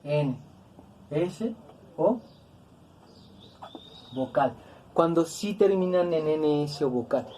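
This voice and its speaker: A woman teaching a grammar lesson, speaking slowly and deliberately, repeating words to stress each syllable. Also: low-pitched, expressive, mellow, slight background noise. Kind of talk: classroom-style grammar lesson.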